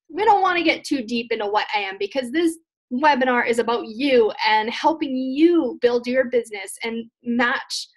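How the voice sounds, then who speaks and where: A young adult woman presenting a casual webinar as a business coach, chatty and earnest with loose, repetitive phrasing. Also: on the high side.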